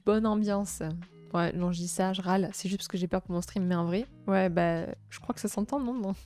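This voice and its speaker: Soft-spoken southern French woman streaming. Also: on the low side, steady tone, a little fast, faint music behind. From south-east France. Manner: gentle, chatty, many fillers and restarts. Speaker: livestream host. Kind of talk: casual live-stream chat, reading chat.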